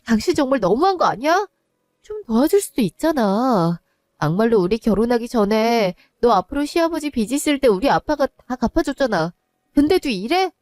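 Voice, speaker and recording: A woman voices a distraught young wife and daughter in a solo audio drama, pleading before breaking into anguished cries. She speaks at a normal speed with a fairly high, sing-song, darkish voice. There's no echo on the recording.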